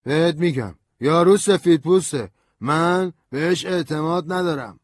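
A man's voice: on the high side, no echo, studio quality, pitched above the performer's own voice, close to an everyday voice. A man voicing a drunk, hostile middle-aged lawyer who talks bluntly and distrustfully.

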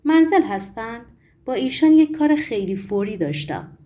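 A woman's voice: fairly high pitch, big pitch swings, dark tone, voice pushed up. A woman voicing a polite but pushy middle-aged male economist in an audiobook. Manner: formal, insistent questioning.

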